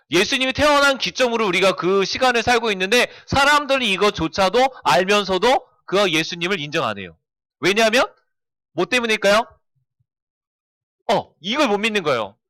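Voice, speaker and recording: Lively high-voiced man preaching to children. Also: no room sound. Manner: lively, asks children questions and answers them himself. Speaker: children's pastor. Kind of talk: children's sermon.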